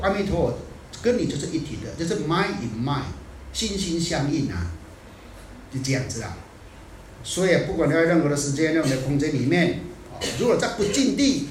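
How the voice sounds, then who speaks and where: A man giving a Buddhist dharma talk in a scolding, animated way, dropping in English phrases now and then. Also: on the high side, slight background noise. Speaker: Buddhist teacher. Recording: echoey room, distant mic.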